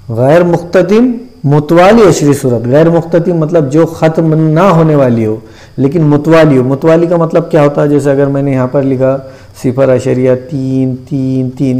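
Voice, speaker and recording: A man teaching a maths lesson step by step, putting questions to his students and answering them himself, and repeating terms and numbers slowly. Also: medium pitch, dark tone. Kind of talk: classroom-style video lesson.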